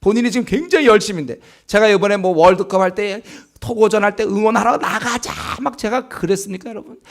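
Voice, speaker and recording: A male pastor preaching in a conversational way, asking the congregation rhetorical questions and acting out remarks in a slower, lower voice. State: sore throat. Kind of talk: sermon. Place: church sanctuary.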